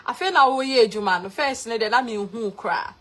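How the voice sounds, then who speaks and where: A young Ghanaian woman with a Ghanaian accent hosts a live cooking stream, greeting viewers by name and thanking them again and again. Her voice is a little high and a bit bright, at a normal speed.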